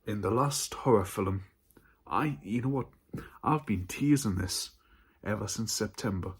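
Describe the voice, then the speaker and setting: A man's voice: on the low side, a little slow, husky. A man hosting a casual haul vlog about horror films, chatty and stumbling over his words at times. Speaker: horror film channel host.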